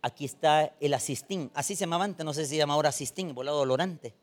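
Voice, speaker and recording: A man preaching a sermon, telling stories and acting out the people in them, swinging from soft asides to loud points. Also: a little high, fast talker. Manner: animated storytelling, acting out quoted voices, swings from soft to loud. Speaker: pastor.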